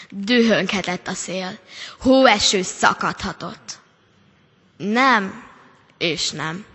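A woman reading a fairy tale aloud at a family church service, with expressive, dramatic delivery. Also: medium pitch, slightly rough, in a large hall.

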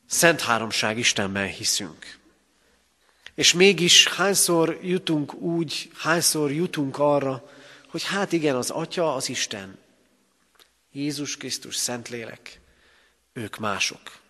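Male pastor, sermon, emphatic rises and pauses, mid-pitched, long church reverb. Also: lively intonation, sharp tone. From Hungary.

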